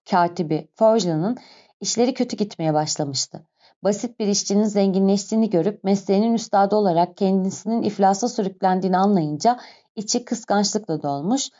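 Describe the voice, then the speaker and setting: A woman narrating an audiobook in a calm, even storytelling manner. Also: medium pitch. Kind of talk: scripted narration. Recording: dull lo-fi recording.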